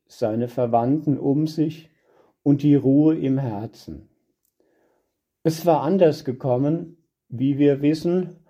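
A man calmly reading a story aloud in a measured storytelling manner. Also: mid-range voice, slightly rough, muffled recording. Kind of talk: scripted narration.

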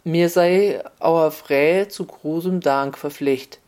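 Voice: medium pitch, takes it slowly, a little mellow, natural voice. A storyteller voicing a greedy, pompous king who speaks of himself in the plural, in a folk tale.

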